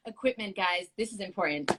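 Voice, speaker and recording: Woman in her 30s hosting a live stream, excitable, laughs a lot, swears casually. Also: mid-range voice, noisy background. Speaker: show host.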